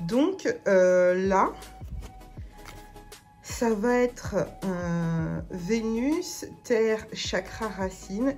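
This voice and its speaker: Woman, vlogger, unhurried delivery, hesitant, lots of fillers, casual unboxing chat, faint music behind. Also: mid-range voice, darkish tone. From France. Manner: hesitant, many fillers and restarts.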